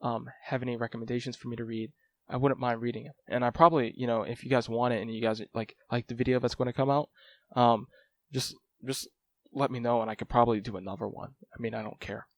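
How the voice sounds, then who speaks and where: This language-learning vlogger, a man whose first language is English, talks casually to camera about his studies in a rambling way, peppered with "like" and "um." His mid-range voice moves quickly with fairly even intonation.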